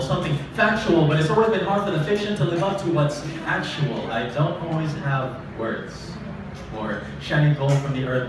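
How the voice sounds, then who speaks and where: Captured from afar through a stage mic, a young man with a fairly high voice delivers spoken-word poetry at a small open-mic venue. The recording sounds distant, noisy and heavily echoed by the live room.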